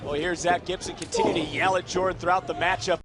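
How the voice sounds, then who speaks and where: A man calling a wrestling match as play-by-play commentator, with excitable, exclamatory calls of the action. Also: high voice, fast talker, a loud crowd. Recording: noisy live outdoor event. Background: loud event noise.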